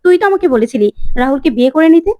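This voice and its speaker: A woman's voice: high voice, lively intonation, very fast, mellow, dry recording, studio quality, pitched above the performer's own voice. A woman voicing an earnest young wife and protective older sister who talks in a firm, scolding way.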